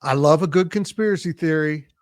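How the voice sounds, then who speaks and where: A man's voice: on the high side, brisk, dry recording, clean studio sound. A man co-hosting a sports show in casual chat, with a wry, sardonic way of talking.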